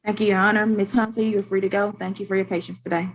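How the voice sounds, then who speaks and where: A woman with a mid-pitched voice speaks as an attorney for the state. Her delivery is formal and procedural, with halting phrasing. She is heard over a video call. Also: little pitch movement, a little hiss or hum, low-quality recording. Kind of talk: formal courtroom questioning.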